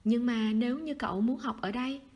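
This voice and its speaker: A woman reading the lines of a wistful, quiet teenage schoolboy in a soft, husky voice. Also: fairly quick, lightly acted. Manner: soft, low-key, sighing.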